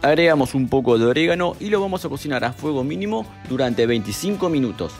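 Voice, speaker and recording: A young man, calmly narrating a cooking recipe step by step as a voice-over, with music behind him. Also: medium pitch, fast. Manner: calm step-by-step instructions. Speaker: cooking channel host.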